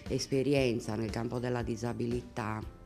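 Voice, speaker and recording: Gravelly-voiced man over faint music. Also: mid-range voice, flat delivery, normal speed, darkish tone. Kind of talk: documentary testimony.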